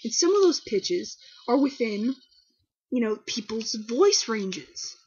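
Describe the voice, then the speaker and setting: A young woman answers viewer questions in a candid, rambling casual chat full of animated stories. She speaks slowly in a fairly high voice with a breathy edge, and the webcam audio is dull and lo-fi.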